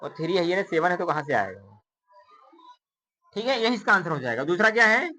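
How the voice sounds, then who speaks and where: Her voice fairly low in pitch, very animated, brisk, bright and forceful, a woman math teacher counts digits aloud in a classroom lesson and mixes in English number words. She coaxes her pupils with repeated questions, calling them "beta." Soft music plays behind this low-quality recording.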